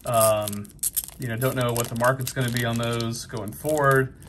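This middle-aged man from New England has a steady, slightly bright mid-range voice at a moderate pace, with a bit of hiss or hum in the audio. A card-collecting vlogger, he opens trading card packs in a busy convention hall, chatting casually with lots of fillers and upbeat remarks.

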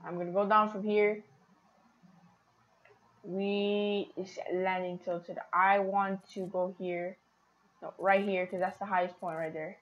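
Excitable woman narrating her gameplay. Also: medium pitch, slow, pauses often, lo-fi sound. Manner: chatty, excitable, talks to viewers. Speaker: gaming streamer. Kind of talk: casual gameplay commentary.

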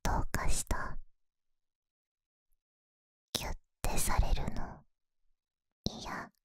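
A woman voicing a shy, affectionate young animal-eared girl in a whispered role-play, soft breathy bedtime pillow talk close to the microphone. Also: slow, dry recording. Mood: affectionate, sleepy. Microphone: close, dry microphone.

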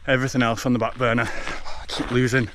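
A man's voice: mid-range voice, flat delivery, fast talker, a bit bright. A man in his twenties with an English accent, chatting casually to his camera while out of breath from running. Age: 20s. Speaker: fitness vlogger. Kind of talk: casual vlog chat. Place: outdoors on a forest trail. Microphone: action camera at arm's length. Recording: noisy outdoor action-camera audio.

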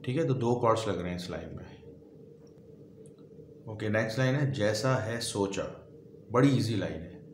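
A man's voice: fairly low pitch, lively intonation, normal speed, long pauses, slight background noise. A man teaching a song on piano, patiently explaining each note, chord and finger step by step. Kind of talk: step-by-step music tutorial. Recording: echoey room with piano playing.

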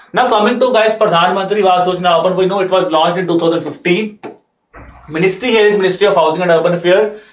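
A man in his thirties with an Indian accent teaches exam material in an explanatory lecture style, repeating phrases for emphasis. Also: high-pitched. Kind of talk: classroom lecture mixing English with some Hindi asides. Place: indoor teaching studio in front of a screen. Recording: echoey room sound.

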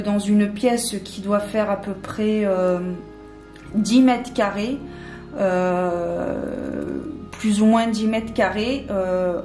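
A woman's voice: medium pitch, a little mellow. A woman chatting casually through a candle unboxing, hesitant and full of fillers. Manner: hesitant, many fillers and restarts. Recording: echoey room with faint music.

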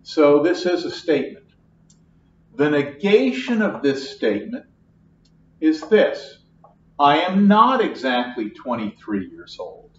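Very animated and fairly high-pitched, an older man teaching math goes through his whiteboard explanation one step at a time. He's slow and patient, restating each point, while the recording from across the room is echoey, distant, and dull.

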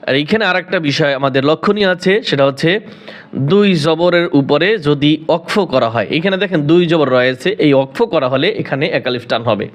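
A man teaching Quran reading, alternating quick explanations with slow, drawn-out chanted recitation. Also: a little high.

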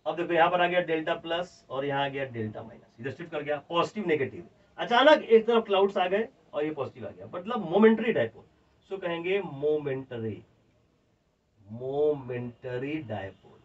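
A male chemistry teacher from India, speaking Hindi with a Bihari accent, lectures a class in a voice on the high side at a fairly quick pace. He explains emphatically and with animation, repeating each point, dictating notes word by word, and repeatedly calling the students "children." The classroom audio is distant, dull, and lo-fi.

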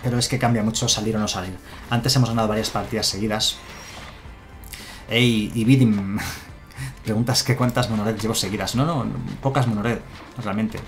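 A man's voice: on the low side, steady tone, normal speed, long pauses, soft background music. A man with a Spanish accent from Spain, casually commenting a game on a live stream and answering his chat. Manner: chatty, answers chat, muses aloud. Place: home room with a chair.

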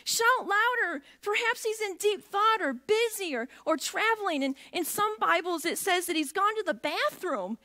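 High bright-voiced woman preacher. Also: animated, normal speed, few pauses. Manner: conversational, asks the congregation questions. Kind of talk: sermon. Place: church sanctuary.

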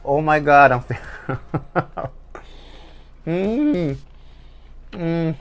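A man's voice: a little high, expressive, extremely slow, clean tone, soft background music. A man doing a casual snack taste test, chatty and repeating himself, talking with his mouth full while chewing. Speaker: food reviewer.

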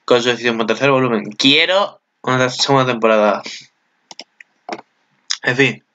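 Excitable bright-voiced Spaniard, lo-fi sound. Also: male voice, unhurried, a little hiss or hum. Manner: excitable, chatty, with sudden high exclamations. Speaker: video commentator. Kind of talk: casual reaction commentary.

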